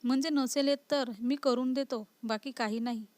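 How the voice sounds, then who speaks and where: A woman reading aloud gives voice to a playful young husband who keeps needling his wife. The tone is light and mocking, slightly high, and the voice sits dry and close. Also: fairly even intonation, moderate pace, darkish tone, no echo, close to an everyday voice. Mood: teasing.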